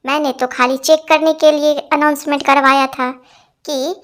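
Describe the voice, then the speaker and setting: Lady reading out jokes, high pitched, same voice for everyone. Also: normal speed. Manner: reads every part in one even voice. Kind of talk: scripted joke reading.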